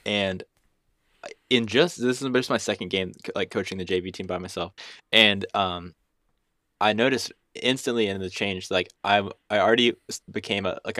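A young man with a low voice talks loosely on a podcast. He rambles and pokes fun at himself, restarting his sentences often. His recording is dry and close, with no room sound. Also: fairly bright tone, dry recording. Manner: rambling, self-deprecating, many restarts and fillers. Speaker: podcast co-host and youth basketball coach. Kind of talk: casual podcast chat.

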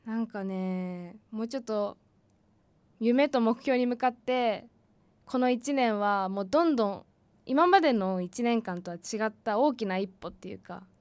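Young woman radio host, casual giggly solo talk, slightly high-pitched, dry close mic. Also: no echo. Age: 20s. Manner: chatty, giggly, animated.

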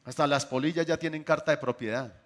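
Preaching to his congregation in a fairly high-pitched voice, a man puts questions to his listeners and alternates loud outbursts with soft, stretched-out phrases.

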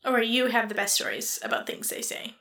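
A woman co-hosting a podcast, chatting in a playful way and quick to laugh. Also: fairly high pitch, lively intonation, vocal fry, pushed and bright. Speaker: podcast co-host. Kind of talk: casual chat.

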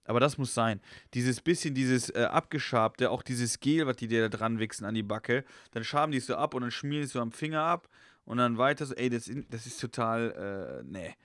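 A young man on a casual podcast, an animated storyteller who acts out quoted dialogue. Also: mid-range voice, fairly quick, no echo, clean studio sound. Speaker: podcast co-host and comedian.

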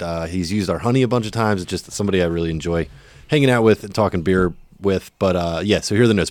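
A man with a low voice hosts a podcast out in an open natural area. His talk is laid-back and slangy, and the sound is dry, with no room echo. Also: darkish tone. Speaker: podcast host. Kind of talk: casual podcast chat.

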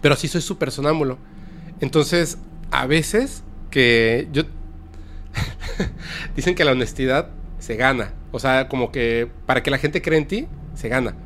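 A man's voice: medium pitch, a little slow, long pauses, fairly bright tone, slight background noise. A man from Mexico with a Mexican accent, chatting casually in an easygoing way and dropping slangy reactions. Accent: Mexican Spanish. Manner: easygoing, frequent slangy backchannels. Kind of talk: casual chat.

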